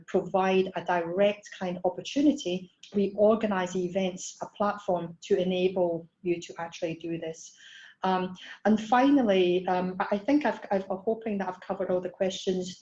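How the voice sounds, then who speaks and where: A woman's voice: lowish voice, a little mellow. Scottish woman, webinar presenter, hesitant with fillers, muffled lo-fi video call sound. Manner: hesitant, many fillers and restarts. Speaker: startup program head. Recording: dull lo-fi webinar audio.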